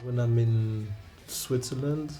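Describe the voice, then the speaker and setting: This interview features a Romanian-accented man in his thirties telling stories from his own life at an easy pace, his mellow, medium-pitched English broken by frequent restarts and laughter. Gentle music sits in the background.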